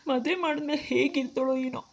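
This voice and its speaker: A woman's voice: sits high, steady tone, quick pace, gravelly. A woman voicing a worried young husband and protective older brother in a cartoon, speaking earnestly. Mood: upset. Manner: earnest, troubled. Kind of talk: cartoon dialogue acting.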